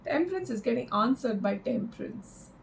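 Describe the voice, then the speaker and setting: Woman doing a mystical horoscope card reading, kinda high creaky voice, pauses and repeats herself, bit of noise. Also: lively intonation. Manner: halting, reflective, with repeated phrases for emphasis. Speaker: tarot card reader.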